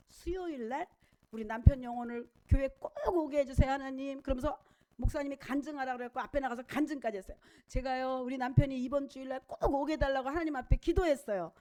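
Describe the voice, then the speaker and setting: A woman's voice: sits high, warm tone. A middle-aged woman pastor delivering a church sermon in an emphatic, conversational way and weaving in personal stories. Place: church service.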